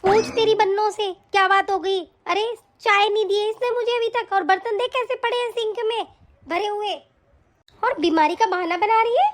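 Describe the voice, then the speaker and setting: A woman's voice: extremely high pitch, normal speed, a bit bright. A woman voicing a nagging, scornful middle-aged mother-in-law in a cartoon, scolding and taunting harshly. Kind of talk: cartoon voice acting.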